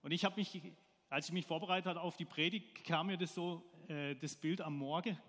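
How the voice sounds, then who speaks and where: A man's voice: on the high side, steady tone, a little fast, fairly bright tone, long reverb tail. A man preaching a sermon, telling an everyday story and putting questions to his congregation.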